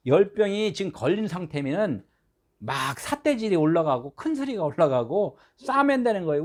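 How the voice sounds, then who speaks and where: A man preaching a sermon in a lively, conversational way, his pitch riding fairly high and leaping up and down. He throws out rhetorical questions to his listeners and shifts between loud emphasis and quiet asides. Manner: animated, swings between loud and soft. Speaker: pastor.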